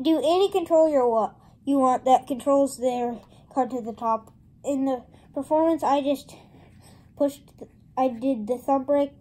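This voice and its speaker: A woman with a fairly high, soft-toned voice presents a casual tutorial. She takes her time, speaking slowly and haltingly as she explains each step. Her delivery is informal and unpolished. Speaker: presenter of a card trick tutorial.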